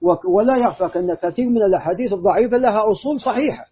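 A man's voice: high-pitched, rapid-fire, husky. A man, a religious scholar, giving a methodical lecture that lists chains of narrators and grades each report, and answering a student's questions. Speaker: hadith scholar teaching. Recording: tinny lo-fi phone-like recording.

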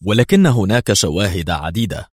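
A man's voice: lowish voice, sing-song, normal speed, dry recording, studio quality. A man voicing a brooding enemy spy chief. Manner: sighing, frowning.

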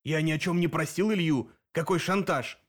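A man's voice: a little high, normal speed, close to an everyday voice. A man voicing a male werewolf pack leader in an audiobook, flustered and stammering.

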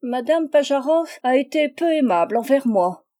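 A woman's voice: medium pitch, expressive, normal speed, dark tone, close to an everyday voice. A woman reading aloud, voicing a proud, touchy provincial spinster who plays hostess, in a prim, affronted manner. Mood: offended.

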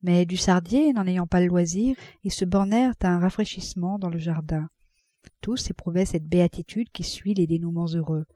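Lectrice posée, voix grave et sèche. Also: female voice, no echo, clean studio sound. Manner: measured, voices characters with raised pitch and loudness. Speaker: audiobook reader. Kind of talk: literary audiobook narration.

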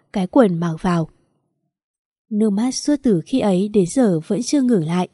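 A woman's voice: mid-range voice, warm tone, slightly rough, no echo, clean studio sound. A woman narrating a first-person story in a sorrowful, confessional manner.

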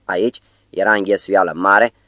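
A man narrating an audiobook in a measured, even storytelling manner, close to the mic. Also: deep voice, no room sound. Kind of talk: scripted narration.

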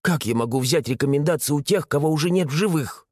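A man's voice: on the high side, fast talker, slightly rough, dry recording, studio quality. A man voicing a genteel young woman servant who speaks earnestly, in an audiobook. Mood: pleading. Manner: pleading, earnest.

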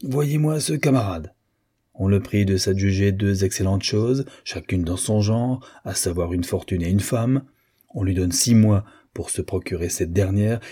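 A man's voice: fairly low pitch, dark tone, husky. A man voicing a hot-tempered older navy admiral in an audiobook, blustering and scolding. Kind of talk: audiobook character reading.

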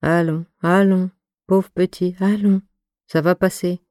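Une femme lisant une amie de cinquante ans, douce. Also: female voice, fairly low pitch, flat delivery, slow pace, darkish tone, no room sound, clean studio sound. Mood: tendre. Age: 50s. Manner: voix égale et douce; ton de voix profond. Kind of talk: scripted audiobook reading.

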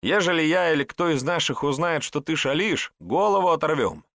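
A man's voice: a little high, animated, moderate pace, gravelly, fairly bright tone, dry recording, studio quality, voice pushed up. A man voicing a stocky, well-fed young estate worker who grumbles reluctantly. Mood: grumbling. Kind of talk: audiobook character voice.

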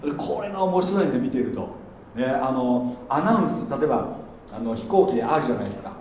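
Male pastor, lively conversational preaching with questions to the flock; very echoey church hall, faint noise. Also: mid-range voice, fast talker. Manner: animated, conversational, asks the congregation questions. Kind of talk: sermon.

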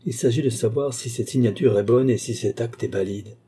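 A man's voice: mid-range voice, a little fast, dark tone, slightly rough. Man putting on a frightened royal princess. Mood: insistent. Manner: anxious, exclaiming.

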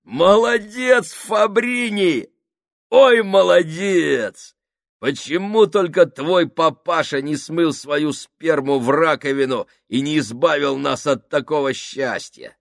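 A man playing a bullying sailor, jeering, high strained shouting, dry sound. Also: slow pace, vocal fry, no room sound. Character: loud crude bullying male sailor.

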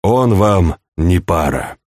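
A man's voice: sits low, no echo, clean studio sound. Man reading a shrewd fatherly old chancellor. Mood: persuasive. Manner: calm, measured, persuasive. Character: older male chancellor, calm, shrewd, fatherly uncle. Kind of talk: audiobook character reading.

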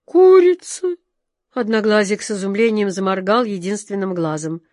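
A woman narrating a children's storybook aloud in an expressive, dramatic way. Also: medium pitch, moderate pace, dry recording, studio quality. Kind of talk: storybook reading.

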